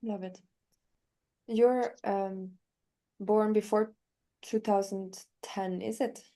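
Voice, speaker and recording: Speaking slowly in a dark, steady, medium-pitched voice, this young woman from Northern Italy, a native German speaker in her twenties, gives an interview as a language-learning coach. She enthusiastically lays out each step of her method and illustrates it with examples.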